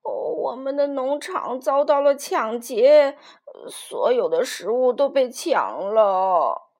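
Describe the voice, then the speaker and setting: A woman voicing an old male rooster who speaks slowly and heavily, mourning his lost farm. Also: high-pitched, very animated, exaggerated voice. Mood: grieving. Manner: slow, heavy, mournful delivery. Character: old rooster, grieving, weary male elder.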